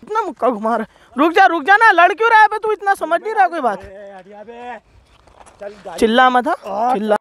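High-voiced young man shouting commands outdoors. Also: sing-song, a little fast, pauses often. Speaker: vlogger. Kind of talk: excited outdoor confrontation vlog. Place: outdoors on a road.

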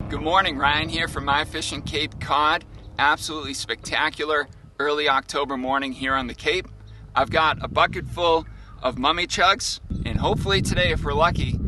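Male fishing guide over background music. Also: a little high. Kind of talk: outdoor fishing how-to presentation.

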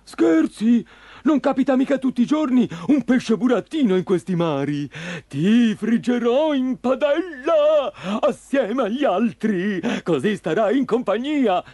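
A man voicing a greedy, monstrous green fisherman in a children's story, gleeful and loud with hearty laughs. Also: very high voice, big pitch swings, unhurried, no echo, voice pushed up, exaggerated voice. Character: ugly green gluttonous fisherman, sea-monster-like.

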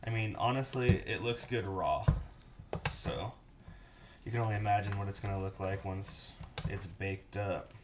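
A man's voice: fairly low pitch, steady tone, measured pace, reverberant. A man in his thirties chatting casually as he cooks in a small home kitchen and answers live chat. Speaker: cooking show host. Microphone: fixed camera mic, host moves around. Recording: noisy kitchen, running water.

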